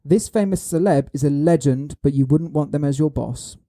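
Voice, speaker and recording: A man's voice: fairly high pitch, moderate pace, mellow, no echo, clean studio sound. A man hosting a casual podcast, reading out quiz clues and teasing his co-hosts.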